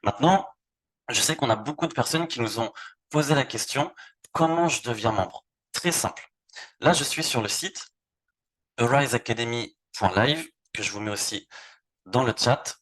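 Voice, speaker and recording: A man's voice: medium pitch, expressive, moderate pace, a bit bright. A man from France presenting a live webinar, walking through a website casually and repeating words as he clicks through screens. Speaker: online presenter. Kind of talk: live webinar product demo.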